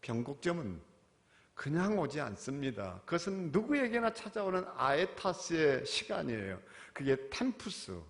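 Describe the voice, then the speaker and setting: A male pastor preaching a sermon, swinging from quiet, questioning asides to loud, impassioned cries. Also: on the high side, very animated, normal speed. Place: church sanctuary. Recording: long reverb of a church hall.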